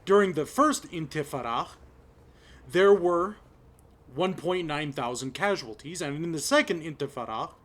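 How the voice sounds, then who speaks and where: Impassioned man, slow and emotional. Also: a little high. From Las Vegas, Nevada. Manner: slow, impassioned, rising to shouts of anger. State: choked up. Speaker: vlogger. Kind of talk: personal commentary monologue.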